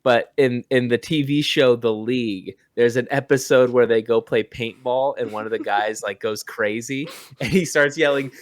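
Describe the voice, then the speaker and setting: A man's voice: mid-range voice, moderate pace, few pauses, dry recording, studio quality. A man co-hosting a podcast, talking casually about movies with lots of fillers. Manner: relaxed, rambling, lots of fillers. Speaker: podcast co-host. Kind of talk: casual chat.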